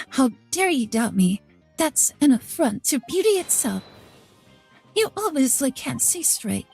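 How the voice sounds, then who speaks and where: A woman's voice: sits high, sing-song, slow pace, vocal fry, long pauses, a little mellow, faint music behind, heavily acted. A woman reading a vain, haughty man. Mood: affronted. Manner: haughty, theatrical. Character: vain preening man obsessed with beauty. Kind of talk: reading game dialogue aloud.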